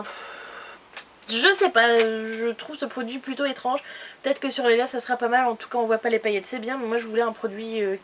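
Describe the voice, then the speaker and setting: Woman beauty vlogger, casual and rambling, slightly high voice, faint noise on the track. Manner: chatty, rambling, many fillers and restarts. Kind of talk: casual haul video chat.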